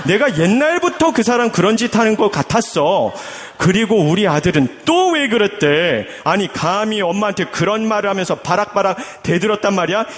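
A man's voice: high-pitched, expressive, normal speed, few pauses, long reverb tail. A man doing a doting, sympathetic husband. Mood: fervent. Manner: gentle, soothing, then fervently grateful. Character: doting, sympathetic husband comforting his wife.

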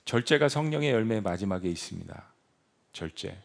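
A man's voice: lowish voice, expressive, brisk, gravelly. A man preaching a sermon as pastor, earnestly exhorting his congregation in a church sanctuary. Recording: long hall reverb.

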